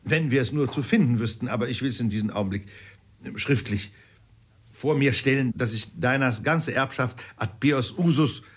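A man's voice: mid-range voice, moderate pace, slightly rough, close to an everyday voice. A man reading an audiobook, voicing a pompous, learned older father who lectures emphatically. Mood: lecturing.

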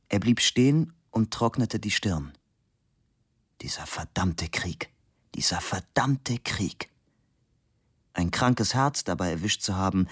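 A man narrating a novel in a measured, steady audiobook reading. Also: sits low, breathy edge, dry recording, studio quality. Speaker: audiobook reader. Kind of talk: scripted literary narration.

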